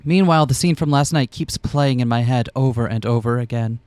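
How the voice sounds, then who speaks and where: A man's voice: medium pitch, a little fast, a little mellow, clean tone, dry recording. A man co-hosting a let's play, switching between casual commentary and reading a visual novel aloud with playful, theatrical asides.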